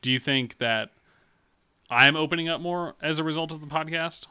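A man's voice: a little high, moderate pace, bright, forceful tone, clean tone. A young man in his twenties, co-hosting a podcast in crude casual chat, swearing a lot and telling stories with animation. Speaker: podcast co-host.

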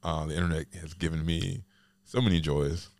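A man's voice: rumbling low, steady tone, a little fast, darkish tone, no echo. A man hosting a podcast, chatting casually and rambling with lots of "like" fillers. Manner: rambling, heavy use of "like" fillers. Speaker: podcast host.

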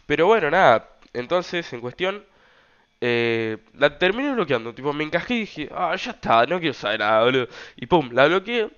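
A man's voice: medium pitch, a bit bright, smooth, highs cut off. Young Argentine man rambling through a story. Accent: Argentine Rioplatense Spanish. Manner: rambling, loose, slangy, many fillers. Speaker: podcast host. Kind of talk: casual storytelling monologue.

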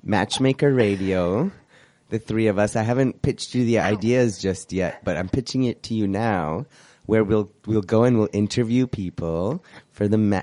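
A man hosting a casual radio chat show, hoarse from a cold and rambling as he searches for words. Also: fairly low pitch, warm tone, dry recording.

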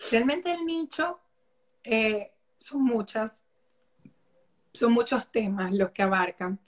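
High-voiced woman telling stories. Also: slow. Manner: warm storytelling, acts out family quotes. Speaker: holistic therapist guest. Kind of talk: casual interview conversation.

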